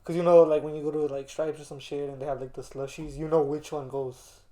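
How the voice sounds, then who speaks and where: A man's voice: fairly high pitch, flat delivery, fairly quick, warm tone. A young man chatting casually like a laid-back stoner, slangy and full of swearing. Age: young adult. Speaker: co-host. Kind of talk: casual chat. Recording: roomy, echoing indoor sound.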